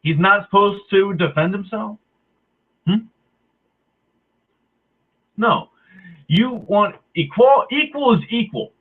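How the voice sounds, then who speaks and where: A man rants with heat, sarcasm and plenty of swearing, his voice sitting fairly high for a man. The sound is thin and tinny, as if it came through a phone line. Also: expressive, takes it slowly, pauses often. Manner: heated, profane, sarcastic. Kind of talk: angry ranting monologue.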